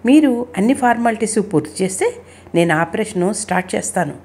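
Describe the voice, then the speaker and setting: A woman voicing a brisk male doctor. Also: medium pitch, expressive, darkish tone, a little hiss or hum, lightly acted. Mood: businesslike. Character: calm hospital doctor, man.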